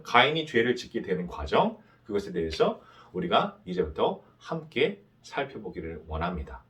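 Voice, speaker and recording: A male pastor preaching to a young adults' service, asking rhetorical questions and having the congregation repeat after him. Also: fairly low pitch.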